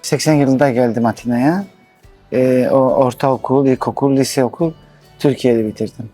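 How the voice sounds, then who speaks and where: A middle-aged man from Istanbul, speaking halting, slightly broken in a casual street interview. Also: mid-range voice, fairly even intonation, warm tone, faint music behind. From Istanbul, Turkey. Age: middle-aged to 60s.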